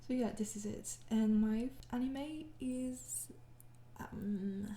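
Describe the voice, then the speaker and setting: A young woman from France, an ASMR creator with a French accent, answers fan questions slowly in a fairly high voice, the sound roomy. It's a soft, casual Q&A in which she comes across as tired, hesitant and apologetic, laughing gently and frequently and slipping into whispers.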